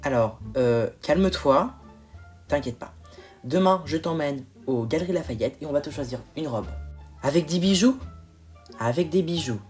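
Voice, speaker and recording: A woman voicing a patient, reassuring husband in a toy-figure film, dropping her voice low to sound like a man. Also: expressive, moderate pace, soft background music. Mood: soothing. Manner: soothing, gently lowered voice.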